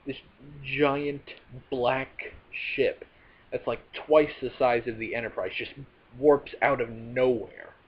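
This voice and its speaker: A man's voice: medium pitch, steady tone, slow pace, husky. A man casually recapping a film plot as a reviewer, rambling with many fillers and self-corrections. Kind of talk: casual spoken movie recap. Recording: dull lo-fi recording with faint noise.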